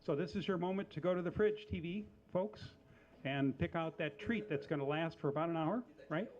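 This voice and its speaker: Guy hosting a coffee house show, kinda high voice, lots of uhs and ums, dry jokes, muffled lo-fi sound. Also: a little mellow. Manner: halting, with many fillers and dry jokes. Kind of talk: casual live emcee patter.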